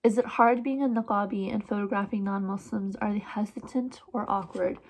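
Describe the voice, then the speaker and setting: A woman's voice: medium pitch, fairly even intonation, a little fast, darkish tone. A woman in her twenties with a mixed Trinidadian and New Jersey accent, answering viewer questions in a casual, self-deprecating vlog. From born in Trinidad and Tobago, raised in New Jersey. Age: 20s. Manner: self-deprecating and giggly, with filler-heavy rambling. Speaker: vlogger and photographer.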